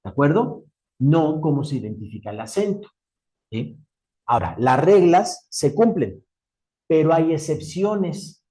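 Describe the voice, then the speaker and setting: A man teaching an exam-prep Spanish lesson, speaking slowly and deliberately, stretching key words and checking in with his students. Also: fairly high pitch, animated, mellow, low-quality recording. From Mexico.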